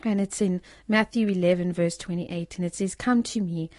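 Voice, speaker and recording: Lowish woman's voice, casual earnest preaching, lots of restarts, dry close sound. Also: steady tone, normal speed, no echo. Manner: earnest, with repeated restarts and soft laughs. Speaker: speaker sharing testimony. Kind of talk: informal sermon.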